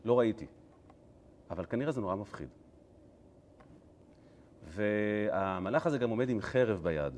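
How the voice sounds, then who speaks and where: A male rabbi giving a Torah lesson, telling the story in an animated, humorous way. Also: fairly low pitch, pauses often.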